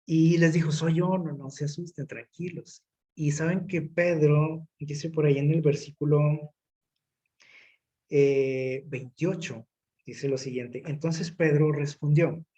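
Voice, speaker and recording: A man's voice: a little high, mellow, muffled recording. A man, preaching a sermon in a casual style, often asking his listeners questions, with many fillers and restarts. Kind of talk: conversational sermon.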